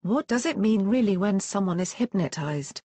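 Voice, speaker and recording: A woman's voice: medium pitch, expressive, moderate pace, warm tone, no echo, close to an everyday voice. A synthetic female voice playing a wary, curious woman who asks earnest questions. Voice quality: synthetic, stilted.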